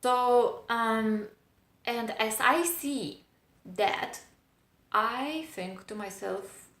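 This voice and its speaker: A vlogger in her thirties speaks English as a non-native speaker with a noticeable foreign accent, her voice a little high and a bit bright. She gives a thoughtful, reflective monologue full of pauses and fillers, recorded with a roomy echo.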